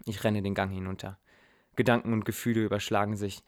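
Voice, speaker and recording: A man's voice: lowish voice, level tone, fast talker. A man narrating a dramatic story in the first person, earnest and reflective, with blunt casual swearing.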